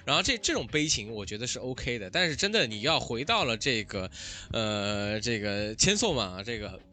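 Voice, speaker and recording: A man's voice: medium pitch, big pitch swings, moderate pace, pushed and bright. A man co-hosting a casual podcast, talking in a hesitant, rambling way with many fillers. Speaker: podcast co-host.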